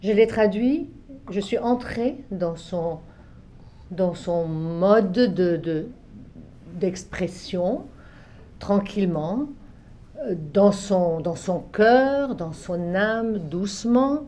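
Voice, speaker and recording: Extremely slowly and expressively, an older literary translator from Egypt recalls her life in a medium-pitched, dark and mellow voice. She grew up equally native in Arabic and French. Her talk is relaxed and reflective, looping back, repeating itself, with numerous restarts and gently fading phrases.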